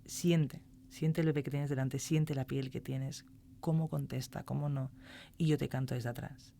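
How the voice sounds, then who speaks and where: Lively woman telling stories. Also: extremely low pitch, normal speed, vocal fry, slight background noise. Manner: animated storytelling, acting out quoted dialogue. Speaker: music therapist guest. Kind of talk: casual podcast interview.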